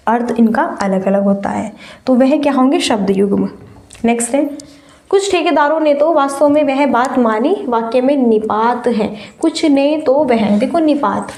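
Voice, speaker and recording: High-pitched woman teaching, echoey room. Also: dark tone. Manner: explains slowly and repeats key words for stress. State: feverish. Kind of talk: exam-prep lesson.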